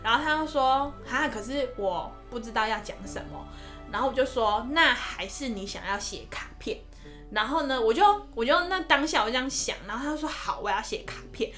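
Lively young woman telling a story. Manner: expressive storyteller, lively swings in pitch. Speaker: nurse. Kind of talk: casual podcast chat, telling a story.

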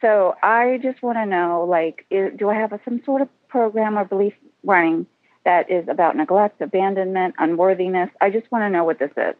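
A woman's voice: medium pitch, a little fast. A woman calling in to a radio show over the phone. She talks hesitantly, repeats herself and sounds tired. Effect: phone-line caller on a radio show. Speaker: caller. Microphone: phone held to the mouth. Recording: tinny phone line.

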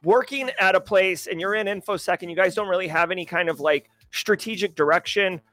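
A man hosting a daily livestream, talking casually and energetically to his chat with slang and shout-outs. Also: high voice, fairly quick, no room sound, faint music behind. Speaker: host.

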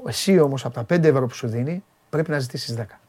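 A man's voice: medium pitch, a little mellow. A man hosting a radio show in casual chat, emphatic and repeating phrases for stress.

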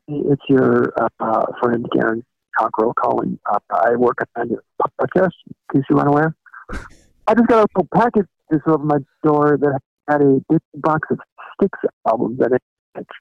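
Man, gravelly voice, halting voicemail, muffled phone speaker, sounds down a well. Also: fairly high pitch, dry recording. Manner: halting, with many uhs, thankful. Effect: muffled voicemail played from a phone speaker, as if down a well. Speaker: podcast co-worker leaving a voicemail. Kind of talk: casual voicemail message.

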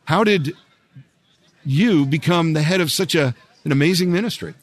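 A male podcast host with a slightly high voice. He speaks with open enthusiasm and keeps affirming his guest as she talks. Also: normal speed. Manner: enthusiastic, affirming, many "wow" and "yeah" replies. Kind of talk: interview conversation.

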